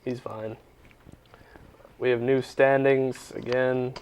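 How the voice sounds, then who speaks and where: A man's voice: mid-range voice, level tone, slow, darkish tone, a little hiss or hum. Joking young man co-hosting sports talk. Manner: joking, teasing, sarcastic. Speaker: sports show co-host. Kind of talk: casual sports talk banter.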